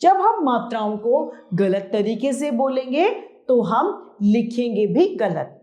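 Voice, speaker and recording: A woman teacher takes young children through a grammar lesson at an unhurried pace. Her pitch rises and falls a great deal as she stresses each word she reads out. The room around her gives back a clear echo. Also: darkish tone. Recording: echoey room.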